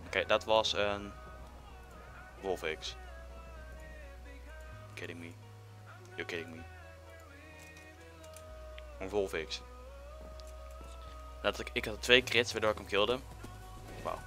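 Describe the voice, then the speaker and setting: A young man giving casual, excitable commentary while playing a game, jumping between loud outbursts and quiet muttering. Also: fairly low pitch, slow, long pauses, soft background music. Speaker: gaming YouTuber.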